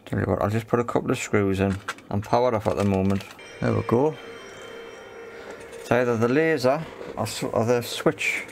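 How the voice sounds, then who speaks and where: Over music, a man with a medium-pitched voice and vocal fry comments at a moderate pace on a hands-on repair for his electronics repair video. The talk is casual and unscripted, in short phrases as he thinks aloud.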